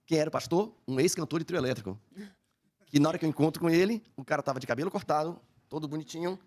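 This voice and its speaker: An older man with a Brazilian accent, a podcast guest giving a personal testimony in animated storytelling, acting out the people he quotes. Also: on the high side, rapid-fire.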